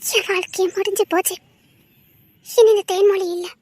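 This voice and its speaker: A woman's voice: very high voice, flat delivery, normal speed, background noise. A woman with a Tirunelveli accent playing a devoted young heroine in a dramatic serial, speaking with heartfelt, defiant conviction. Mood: sorrowful. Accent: Tirunelveli Tamil. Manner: defiant, then sorrowful and pleading.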